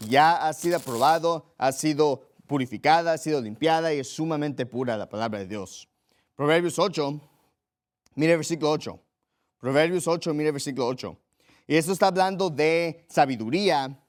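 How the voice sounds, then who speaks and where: A man's voice: a little high, normal speed. A young adult man preaching a sermon as pastor, emphatic, repeating phrases and reading scripture aloud.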